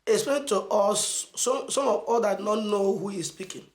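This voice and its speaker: A Nigerian man, a channel host, delivers an emphatic motivational message to camera in a preaching style. His voice is high and the sound roomy; he asks rhetorical questions and stresses phrases slowly.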